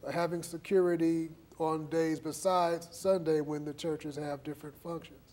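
A man's voice: fairly high pitch, little pitch movement, normal speed, darkish tone. A man, hosting a TV studio interview on a lapel mic, affirming his guests and summing up their points. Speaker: TV talk show host. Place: TV studio set.

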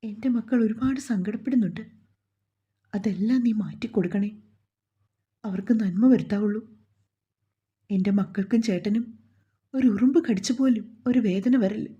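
A woman's voice: medium pitch, normal speed, long pauses, dark tone, breathy edge, dull audio. A woman voicing a fretful, tender mother. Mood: tearful prayer. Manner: soothing, pleading, prayerful. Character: anxious, loving middle-aged mother comforting her daughter.

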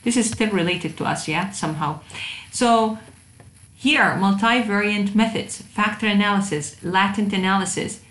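A university instructor of digital marketing gives an informal online lecture over slides, speaking directly to her students. Her mid-range voice is fairly bright and moves at a moderate pace, but her delivery is hesitant and she often repeats words. The recording has a roomy echo and faint background noise.

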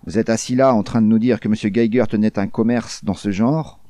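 A man voicing a sulky, angry blonde woman in a crime audiobook, with shrill, scornful lines. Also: steady tone, a little fast, mellow, no room sound, lightly acted.

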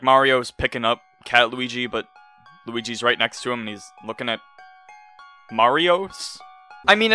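A man giving casual, excitable commentary over his own gameplay, swearing and laughing as he plays. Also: medium pitch. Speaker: gaming YouTuber.

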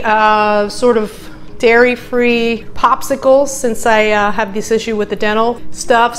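A middle-aged woman vlogging casually, talking through her grocery haul with frequent ums and uhs, first on a phone held at arm's length and then in her home kitchen. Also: a little high. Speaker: health vlogger. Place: parking lot outdoors, then home kitchen. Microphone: phone at arm's length, then camera on a stand.

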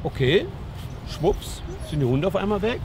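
Dog trainer guy outside, high voice bouncing all over, chatty with the dogs. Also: normal speed, very noisy. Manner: lively, talks to the dogs and viewers, often adds "ne?". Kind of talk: casual commentary while filming dogs. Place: outdoors at a dog area.

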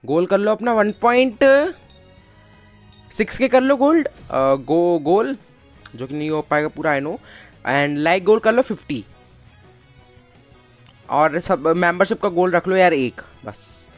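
Man, live game stream, higher voice, chatty, shouts at teammates, game music behind. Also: slow, long pauses. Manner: chatty, calls out to viewers and teammates, bursts of excited shouting. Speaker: gaming streamer. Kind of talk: casual live game commentary.

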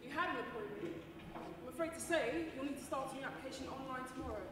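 A woman's voice: high-pitched, close to an everyday voice. A woman playing a curt, rule-bound benefits clerk. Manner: brisk, clipped, dismissive. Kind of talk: stage play acting. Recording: echoey hall, far from mic, noisy.

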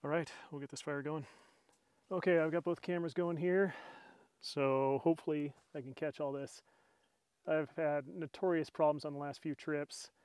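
This bushcraft vlog features a middle-aged channel host outdoors at a mountain campsite, cheerfully self-deprecating as he explains his kit step by step. The voice is fairly high, steady and a little mellow at a normal pace, clear and resonant, in a dry recording. He's captured by a camera mic, a body cam and a camera on a tripod.

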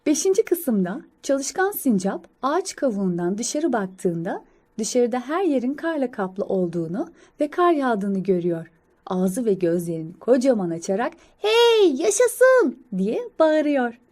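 A woman reading an audio description of a children's comic, slow, careful and even. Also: mid-range voice.

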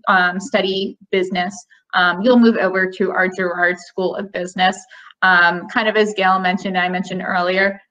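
A young woman from a college admissions office answers webinar questions over a video call, picked up by her webcam. Her mid-range voice is bright and forceful, and she explains things in a friendly way, full of fillers. The highs in the audio are cut off.

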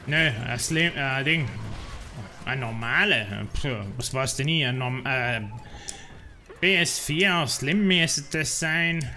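A man with a South Tyrolean German accent speaks slowly in a mid-range voice that sounds pushed and bright. Streaming a game, he rambles and complains in casual chat, filling his speech with lots of fillers.

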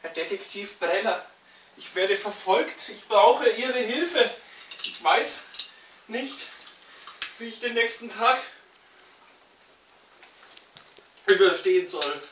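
Desperate, pleading client in a noir short, acted by a man, high and animated, roomy distant sound. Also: takes it slowly, full character voice. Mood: anxious. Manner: insistent, pleading. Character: desperate, pleading male client being pursued. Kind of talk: amateur film noir acting. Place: living room, indoors. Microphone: camera mic at a distance. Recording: echoey room, distant mic, noisy.

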